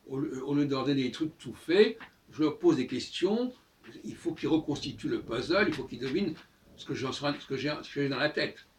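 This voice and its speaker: A man's voice: medium pitch, lively intonation, a little fast, distant mic, slight background noise. An older man hosting a talk channel, musing in a casual monologue with frequent hesitations and repeated words.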